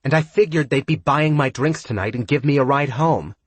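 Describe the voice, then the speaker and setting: A man voicing a drunk young woman who yells, slurs and whines over the phone from a bar. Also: a little high, very animated, slow pace, dry recording, pitched above the performer's own voice, exaggerated voice. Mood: whiny demanding. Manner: slurred, pleading, whiny yelling.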